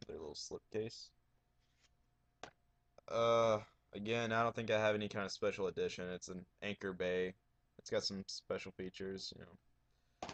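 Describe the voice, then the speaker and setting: Loud, profane male vlogger, casual delivery, slightly low pitch. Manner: raising his voice, loud and profane. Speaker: horror DVD collector showing his shelf. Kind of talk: casual video blog.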